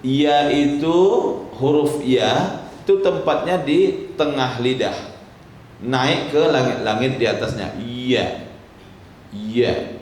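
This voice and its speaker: A man teaching Quran pronunciation, slow and patient, chanting drawn-out recitation examples. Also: mid-range voice. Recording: echoey hall with faint noise.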